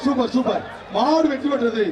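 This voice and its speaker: A male announcer yells brisk, short, repeated calls in live commentary at an outdoor bull-taming arena. His very high voice booms through a loudspeaker system, echoing from far off with a dull sound. A loud crowd cheers and makes noise in the background.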